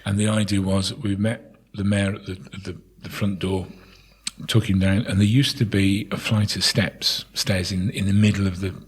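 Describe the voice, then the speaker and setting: A man's voice: low-pitched, little pitch movement, normal speed, slightly rough. A middle-aged man, a town crier being interviewed, telling anecdotes in a casual, chatty way and often repeating words as he goes.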